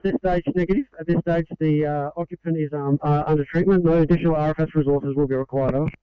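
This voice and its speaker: A man's voice: on the high side, fairly even intonation, fast, clear, resonant tone, no room sound. Man over walkie-talkie radio. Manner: clipped, formal, ends each turn with "over". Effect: heard over a two-way walkie-talkie radio. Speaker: emergency responder on scene. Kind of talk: procedural radio dispatch talk. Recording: muffled two-way radio transmission.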